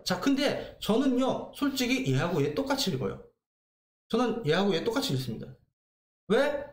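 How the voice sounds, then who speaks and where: A man teaching English grammar in a lively lecture, asking questions and answering them himself. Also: high voice, echoey room. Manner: lively, asks and answers his own questions.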